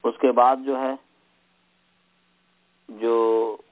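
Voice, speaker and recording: Male teacher for an online class, slow and patient, drills sounds over and over, tinny call audio. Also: mid-range voice, flat delivery. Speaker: Sanskrit teacher. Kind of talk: slow online lesson with chanting. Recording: tinny phone-line audio.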